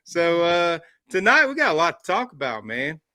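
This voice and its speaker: A man's voice: on the high side, very animated, moderate pace, bright, forceful tone, a little hiss or hum. A middle-aged man with a Southern US drawl, co-hosting a casual podcast chat in a folksy, easygoing way. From American South. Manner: folksy, laughs easily, drops "ain't" and "man". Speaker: co-host.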